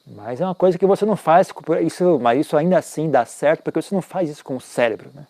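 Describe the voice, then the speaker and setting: A man's voice: fairly high pitch, animated, fast talker, vocal fry, dark tone, no room sound. A man teaching Buddhism in an informal, conversational talk, often tagging his sentences with questions and making self-mocking asides.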